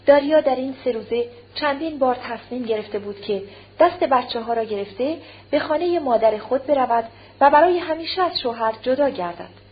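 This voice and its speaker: A woman narrating an audiobook of a classic novel in a measured, formal reading, in a dull recording with a faint hum. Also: on the high side. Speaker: audiobook reader.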